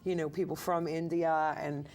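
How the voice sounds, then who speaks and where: A woman's voice: low voice, little pitch movement, moderate pace, darkish tone, recorded from a distance. A woman working as a casting director, talking in a chatty interview, often laughing and repeating words. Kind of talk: casual interview.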